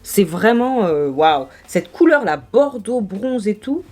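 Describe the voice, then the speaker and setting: A woman's voice: mid-range voice, sing-song, slow, darkish tone, a little hiss or hum. A young woman vlogging makeup swatches, gushing and exclaiming over each shade in casual chat. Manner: gushing, exclamatory, marvelling aloud. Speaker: beauty vlogger.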